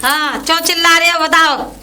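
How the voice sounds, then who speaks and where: A woman's voice: very high-pitched, steady tone, moderate pace, bright, forceful tone, full character voice. A woman playing a stubborn, quarrelsome older mother-in-law in a village comedy skit. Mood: bickering. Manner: quarrelsome, defensive, snappy retorts.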